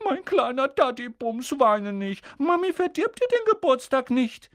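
A narrator voicing a shrill, fussy aunt who dotes on her son and scolds others. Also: sing-song, takes it slowly, no echo, studio quality. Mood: cooing.

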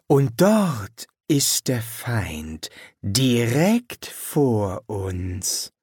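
A man voicing a cool, sardonic young soldier with a low, dry delivery. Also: animated, slow pace, no room sound.

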